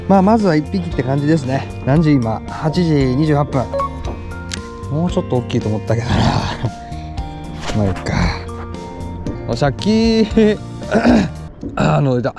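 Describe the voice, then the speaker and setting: A young man with a Kansai accent chatting excitedly while fishing outdoors on a lake, with quick exclamations. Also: a little high, over music. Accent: Kansai Japanese. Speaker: fishing vlogger. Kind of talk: casual commentary while fishing.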